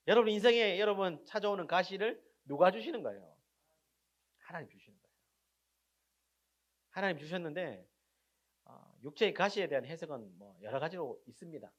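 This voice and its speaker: In this sermon, a male pastor with a slightly high voice questions his congregation and answers for them. His volume shifts from loud, emphatic statements down to very quiet endings.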